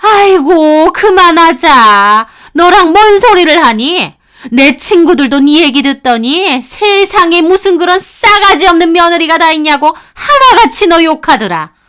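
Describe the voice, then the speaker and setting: A demanding, sharp-tongued middle-aged mother-in-law, played by a woman narrator scolds at a high, raised pitch. She is bossy and never lets up. This is for an audio family drama story. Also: very animated, unhurried, full character voice. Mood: scolding.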